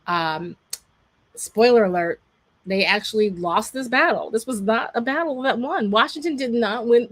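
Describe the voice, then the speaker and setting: A woman's voice: on the high side, no echo. A woman hosting a casual livestream from her home, talking in a chatty, digressive way with emphatic asides. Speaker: food historian hosting a livestream. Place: indoors at home by a window. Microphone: webcam or laptop mic on a livestream.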